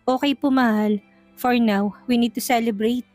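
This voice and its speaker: A woman's voice: fairly high pitch, steady tone, moderate pace, a little mellow, no echo, faint music behind, natural voice. A woman reading a tender young husband.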